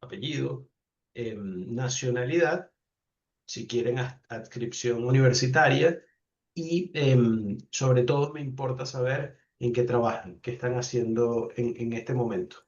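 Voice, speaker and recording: Courteous professor on a muffled call. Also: male voice, medium pitch, distant mic. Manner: courteous, unhurried, thanks each speaker. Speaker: professor hosting an online class. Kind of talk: calling on participants in a video class. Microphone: video call.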